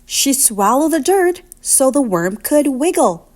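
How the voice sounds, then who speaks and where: A woman reads a picture book aloud to young children in a higher-pitched voice. She takes her time, with a very lively, sing-song delivery.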